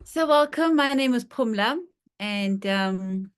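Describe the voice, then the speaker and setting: A woman speaking gently and informally as the host of an online gathering, welcoming people and introducing a guest. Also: fairly high pitch, lively intonation, slow pace, clean tone.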